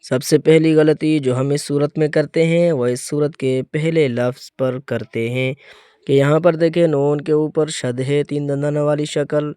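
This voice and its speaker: Male recitation teacher, slightly higher voice, smooth and resonant, patient explainer who models each sound. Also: fairly even intonation, warm tone, no room sound, clean studio sound. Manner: patient, repeats and demonstrates correct pronunciation. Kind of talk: explanatory tajweed lesson.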